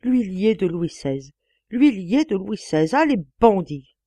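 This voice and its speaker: A woman's voice: mid-range voice, very animated, slow pace, warm tone, no echo, voice pushed up. A woman reading an audiobook voices a manservant who bellows with all his lungs to raise the alarm. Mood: outraged. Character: alarmed old coachman-servant.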